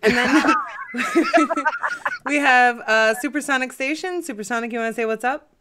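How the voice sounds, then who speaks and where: A woman's voice: fairly high pitch, brisk, sharp tone, slight background noise. A woman hosting a casual gaming podcast, teasing her co-hosts and laughing often. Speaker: podcast host.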